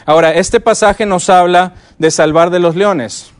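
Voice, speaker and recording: A middle-aged man giving a conference lecture on teaching Bible stories, often checking in with his audience and slowing down to stress key words. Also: high voice. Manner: lively, asks the audience frequent check-in questions.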